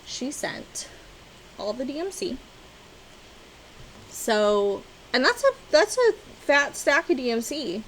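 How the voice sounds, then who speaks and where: Excitable woman gushing over craft mail. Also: high voice, slow, long pauses, a little hiss or hum, low-quality recording. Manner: excitable, gushing, breaks into loud exclamations. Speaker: cross-stitch vlogger. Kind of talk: casual chat to camera. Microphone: on-camera mic, seated at desk with ring light.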